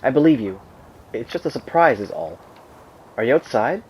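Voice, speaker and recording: A man reading game dialogue aloud as a sarcastic mother talking to her daughter on the phone, quiet and teasing. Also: mid-range voice, sing-song, moderate pace, a little hiss or hum, natural voice.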